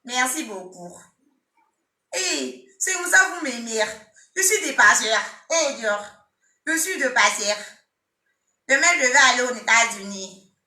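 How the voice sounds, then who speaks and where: A woman with an Ivorian French accent talks on a live stream, teasing her commenters and scolding them in jest. Her voice is very bright and sharp and sits a little high. The sound comes from an echoey room. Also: expressive, unhurried, pauses often. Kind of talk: casual live-stream chat.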